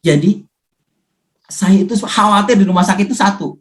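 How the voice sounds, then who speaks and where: A man speaking in a casual talk, telling his own recovery story in an animated way and acting out the things people said to him. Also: high-pitched, moderate pace.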